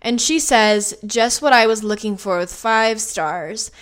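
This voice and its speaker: A woman's voice: a little high, measured pace, a bit bright. A woman hosting a podcast, reading her sponsor message and listener review, then welcoming and questioning a guest in an upbeat, friendly way. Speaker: podcast host. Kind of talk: podcast host reading ads and interviewing.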